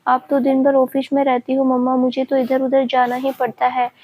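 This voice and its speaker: A woman's voice: high voice, monotone, normal speed, a little mellow, slight background noise, natural voice. A woman reading a frightened young daughter. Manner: fearful, pleading. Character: frightened teenage daughter, tearful. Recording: dull lo-fi recording.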